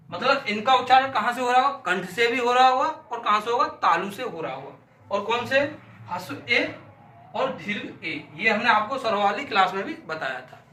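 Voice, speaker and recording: A man teaches a lesson in a high, piercingly bright voice. He sounds out syllables over and over and poses questions he then answers himself. He is heard from a distance in an echoey room. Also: a little hiss or hum. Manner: demonstrates sounds by repeating syllables aloud; asks and answers his own questions. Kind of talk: classroom lesson.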